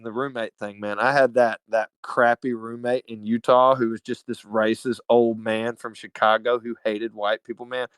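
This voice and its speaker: A man's voice: fairly low pitch, smooth, no echo. Slangy Southern man telling stories. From Alabama, US. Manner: animated, slangy and profane, calls everyone dude. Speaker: podcast guest. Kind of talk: casual storytelling chat.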